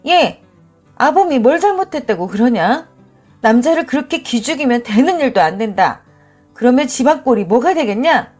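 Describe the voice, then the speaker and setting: A woman doing a shrill scolding old mother-in-law. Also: big pitch swings, moderate pace, a little mellow, faint music behind. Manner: scolding, domineering. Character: harsh overbearing older mother-in-law.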